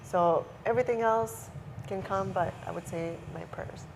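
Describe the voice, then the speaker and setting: A woman's voice: mid-range voice, normal speed, vocal fry. A young woman athlete answering interview questions earnestly and encouragingly. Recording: faint background noise.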